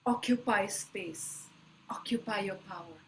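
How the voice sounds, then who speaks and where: A woman with a mid-range voice leads a live online spiritual workshop, speaking earnestly and emphatically with slow, deliberate phrasing that often trails off softly. The audio is poor, with a little hiss or hum.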